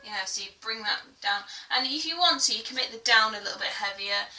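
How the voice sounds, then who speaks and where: A British singing teacher gives an informal tutorial, chatty and somewhat hesitant, with a self-deprecating way of talking. Her voice is a little high and lively, and she talks fast. The room is echoey, the mic distant, and music plays behind her.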